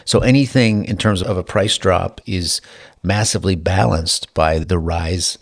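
A man's voice: sits low, unhurried, gravelly. A man co-hosting a casual podcast, explaining global trade and food prices with dry humor. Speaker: co-host discussing economics.

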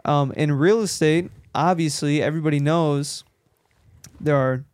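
A man with a smooth, clear voice and a fairly high pitch, hosting a casual podcast chat. He tells lively stories and acts out bits of dialogue. The sound is close and dry. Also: unhurried, dry recording. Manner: animated storyteller who acts out quoted dialogue. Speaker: podcast host and real estate agent.

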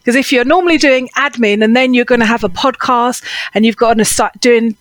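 A woman's voice: on the high side, brisk, no room sound. Dry-sounding woman speaking coach. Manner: earnest, steady, explains with examples. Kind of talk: interview answers.

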